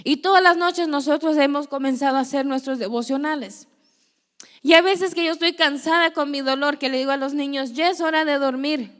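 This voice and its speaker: A woman's voice: high-pitched, brisk, in a large hall. A young woman preacher giving an earnest testimony sermon, telling her story and acting out conversations. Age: young adult. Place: church.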